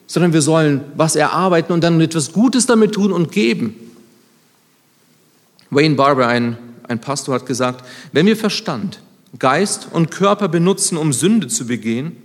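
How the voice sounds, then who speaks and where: Animated preacher in a reverberant hall. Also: male voice, moderate pace. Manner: lively, shifts between loud emphatic and quiet low lines; conversational, self-deprecating asides. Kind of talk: sermon.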